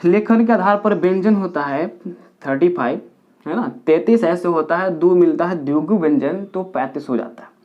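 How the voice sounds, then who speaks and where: A man's voice: high voice, moderate pace. A man teaching a grammar lesson at a board, counting aloud step by step and repeating key points for his pupils. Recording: dull lo-fi recording.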